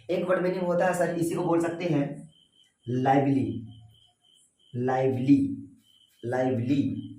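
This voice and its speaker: A man teaching English vocabulary in Hindi, spelling words letter by letter and drilling pronunciation in a slow, drawn-out way, often calling his listeners sir. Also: mid-range voice, a little mellow. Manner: addresses viewers as sir and bhai. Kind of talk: Hindi vocabulary lesson with repeat-after-me drills. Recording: roomy echo, voice from a distance.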